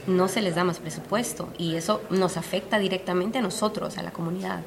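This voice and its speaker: A Honduran publisher, a woman, is interviewed as a guest at a book fair and explains her work earnestly and steadily in conversation. Her voice is on the low side, steady and brisk, with vocal fry, while a busy crowd chatters behind her.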